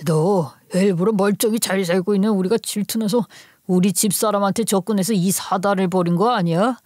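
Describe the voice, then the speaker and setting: A woman's voice: medium pitch, brisk, darkish tone, dry recording, studio quality, natural voice. A woman voicing a self-pitying middle-aged ex-husband who pleads and wheedles for money in a narrated radio story. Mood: accusing.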